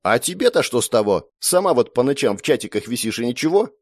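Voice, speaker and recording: A man's voice: mid-range voice, very animated, fast talker, darkish tone, no room sound, clean studio sound, voice pushed up. A man voicing a boastful, cheeky teenage boy who teases his older sister. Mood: cocky. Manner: boastful, cheeky, whiny when dreaming. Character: cocky teenage boy, younger brother, daydreamer.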